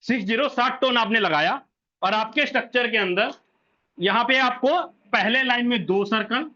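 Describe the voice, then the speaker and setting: High-voiced man explaining step by step. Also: normal speed, pushed and bright, highs cut off. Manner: repetitive, asks questions and answers them himself; corrects himself mid-sentence. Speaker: presenter explaining a business plan. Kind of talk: explanatory walkthrough to an online audience.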